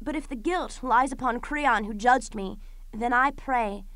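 A doomed young tragic princess, acted by a woman, speaks in a high, smooth, resonant voice. She declaims her grief solemnly, with defiance, as in classical Greek drama. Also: measured pace, a bit bright, dry recording. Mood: mournful, defiant. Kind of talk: classical Greek tragedy audio performance.

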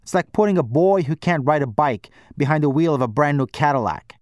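A man's voice: on the high side, expressive, a little fast, dry recording, studio quality, lightly acted. A man voicing an opinionated, blustery middle-aged Afghan father in an audiobook, lecturing emphatically and with scorn. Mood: scornful lecturing. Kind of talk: audiobook character voice.

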